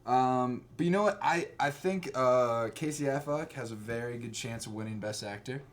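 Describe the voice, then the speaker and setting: A man's voice: mid-range voice, moderate pace. A man hosting a casual movie review chat, rambling with fillers and acting out scenes. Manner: rambling, laughing, acts out scenes. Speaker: host.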